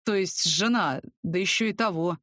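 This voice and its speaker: A woman's voice: fairly low pitch, moderate pace, fairly bright tone, no echo, clean studio sound. A woman reading an audiobook, voicing a burly, crude young thug who talks bluntly. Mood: sullen. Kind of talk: audiobook character voice.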